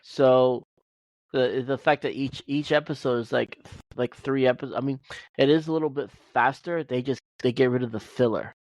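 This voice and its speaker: A man's voice: medium pitch, fairly even intonation, normal speed, darkish tone, no room sound, poor audio. A man co-hosting a casual podcast, rambling with many restarts and fillers. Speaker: podcast co-host. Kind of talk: casual chat.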